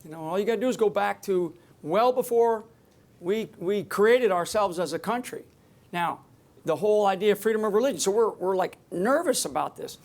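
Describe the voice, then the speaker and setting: A security speaker talks to a live audience from the stage without a script, emphatic and wandering, often restarting sentences. His voice is high-pitched, expressive and creaky, darkish in tone, at a normal speed.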